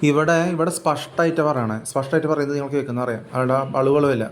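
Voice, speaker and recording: A man's voice: medium pitch, quick pace. A man in a rambling, casual chat, repeating himself and restarting his sentences. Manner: rambling, repetitive, hesitant restarts. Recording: roomy echo with faint ambient noise.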